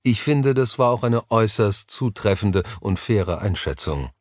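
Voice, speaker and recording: A man narrating an audiobook, reading a fantasy story and its author's foreword in a measured, even way. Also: on the low side, dry recording, studio quality. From Germany.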